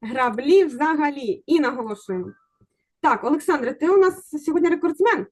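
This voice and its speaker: A woman's voice: high voice, very animated, brisk, a little mellow. A woman teaching an online exam-prep lesson over a video call, encouraging and coaxing her students to answer.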